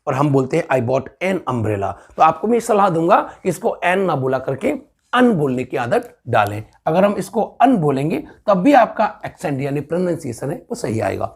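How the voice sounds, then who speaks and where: A man with an Indian accent giving a spoken English grammar lesson, explaining step by step and repeating example sentences slowly. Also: on the high side, big pitch swings, vocal fry, slightly rough. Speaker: English teacher.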